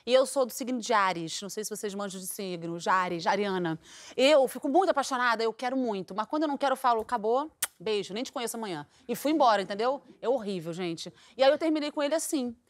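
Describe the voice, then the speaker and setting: A middle-aged woman tells a comic story on a talk show. Her voice sits high, and she acts out every quoted line with bursts of laughter. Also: animated, quick pace. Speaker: guest storyteller.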